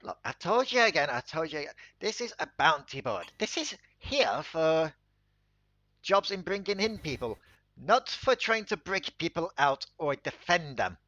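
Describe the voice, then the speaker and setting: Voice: medium pitch, very animated, unhurried, bright, forceful tone, no echo, lo-fi sound, exaggerated voice. A game master doing a stern Scottish gnoll woman. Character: stern female gnoll bounty keeper.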